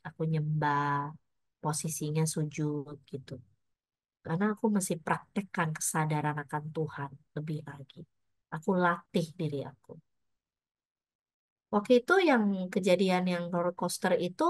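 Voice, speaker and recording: A woman's voice: lowish voice, no room sound. A middle-aged woman pastor giving a casual, chatty sermon full of personal stories, mixing in English words.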